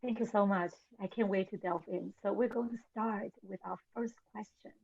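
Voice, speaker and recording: A woman's voice: medium pitch, steady tone, moderate pace, creaky, husky, dry recording. A woman moderating an author panel over a video call, giving brief, thankful introductions. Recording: dry, phone-like audio.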